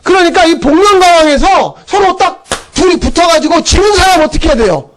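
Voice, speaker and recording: A middle-aged male pastor giving a conversational sermon, chatty and animated, acting out voices as he goes. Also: very high voice, a little fast, slight background noise.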